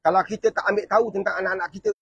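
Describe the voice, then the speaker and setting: A man's voice: high-pitched, fairly even intonation, very fast, fairly bright tone, slightly rough, no room sound, dull audio. A man with a Malaysian Malay accent, giving a fiery family-themed preaching talk full of rhetorical questions. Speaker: motivational family speaker.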